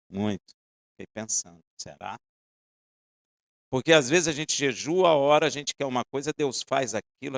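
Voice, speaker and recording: A man preaching a sermon, asking the congregation pointed questions and swinging between loud emphasis and quiet asides. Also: medium pitch, gravelly, dry recording, clean studio sound.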